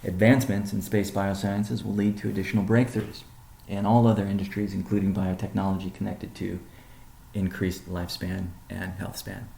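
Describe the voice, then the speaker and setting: A company CEO delivers a prepared business update on a conference call, speaking in measured phrases and landing key words deliberately. His low voice is dark and relaxed, with a heavy gravelly creak. The sound is noticeably roomy and echoing.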